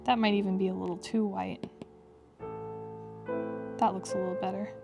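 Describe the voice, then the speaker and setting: A woman talks through a drawing tutorial in a casual, rambling way with wry asides. Her voice is fairly low for a woman and full of creaky vocal fry. Piano music plays clearly behind her. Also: flat delivery, normal speed. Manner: chatty, wry asides with frequent "like". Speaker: digital artist narrating a drawing tutorial.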